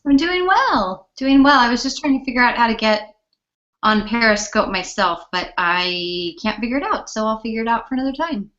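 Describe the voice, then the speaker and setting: A woman chatting casually as a guest on a live online show, with a relaxed, talkative manner. Her voice is fairly high. The audio sounds dull and lo-fi. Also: moderate pace. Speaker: guest co-host. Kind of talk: casual chat.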